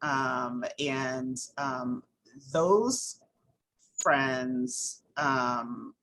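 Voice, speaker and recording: Bright-voiced woman sharing candid stories. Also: very deep voice, very slow, a little hiss or hum, rough recording. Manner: frequent ums and restarts, laughs often while telling stories. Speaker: interview guest. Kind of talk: candid personal storytelling.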